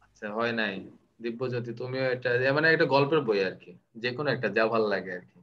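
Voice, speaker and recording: A man's voice: mid-range voice, expressive, quick pace, fairly bright tone, dull audio. A man, teaching vocabulary in a live online class, playful and teasing, mixing in English words. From Bangladesh.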